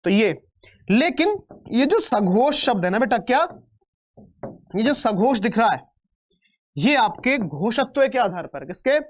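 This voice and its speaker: Speaking with an extremely high, sing-song voice at a slow pace with long pauses, a Hindi teacher runs an online grammar class for exam prep. He keeps things playful and chatty, calling students beta, cracking jokes, and turning terms into questions to quiz viewers.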